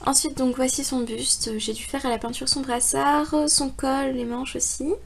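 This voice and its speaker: A young woman with a high voice talks through her handmade model in a relaxed, chatty way. She leans on fillers and breaks into small giggles as she explains each part. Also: normal speed, a little hiss or hum. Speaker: hobby crafter presenting a contest entry. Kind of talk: casual video presentation.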